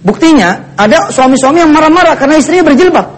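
A man's voice: extremely high pitch, lively intonation, fast talker, a little hiss or hum. A man preaching a dawn sermon, joking and teasing his listeners. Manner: joking, playful asides to the audience. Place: mosque.

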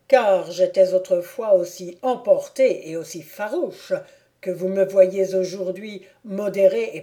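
A woman's voice: medium pitch, dark tone, lightly acted. Woman reading as a stern old aristocratic count. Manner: measured, persuasive, gravely solemn. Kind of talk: audiobook character reading.

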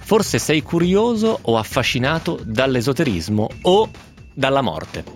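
A man hosting a radio programme, reading aloud in an intense, building, expressive way. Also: mid-range voice, a little slow. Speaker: radio host. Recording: music playing under the voice.

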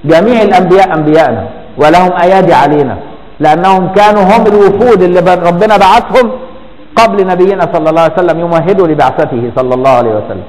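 A man's voice: sits high, very fast, a little mellow. A man with an Egyptian accent teaching a religious text in colloquial speech, often asking the listener if he has followed. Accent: Egyptian Arabic. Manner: explaining, with frequent rhetorical checks on the listener. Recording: hall reverb.

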